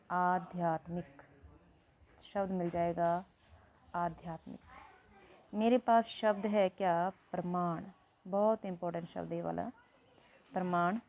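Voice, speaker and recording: A woman's voice: mid-range voice, a little mellow. A woman teaching a Hindi grammar lesson, explaining step by step and asking questions she answers herself.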